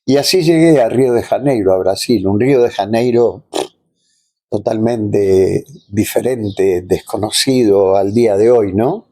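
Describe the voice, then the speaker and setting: An interview guest with an Argentine accent, he tells stories about himself in an easygoing manner. He pauses while searching for words, adds small check-in tags, and speaks in a lowish, mellow voice.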